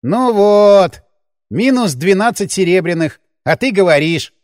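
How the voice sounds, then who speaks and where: A man's voice: sits high, lively intonation, measured pace, a little mellow, dry recording. Give me a man doing a sardonic, scarred gunman who drawls his taunts, close and dry. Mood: mocking. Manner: drawling, mocking. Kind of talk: audiobook character voice.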